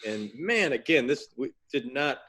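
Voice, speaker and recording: Encouraging American podcast host. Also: male voice, medium pitch, lively intonation, a little slow, sharp tone. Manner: encouraging, conversational. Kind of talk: interview questions.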